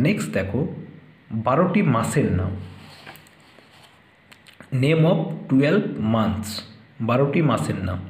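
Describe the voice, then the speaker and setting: A man's voice: medium pitch, darkish tone. A man teaching English spelling to students, spelling words letter by letter and often checking whether they follow. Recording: echoey room.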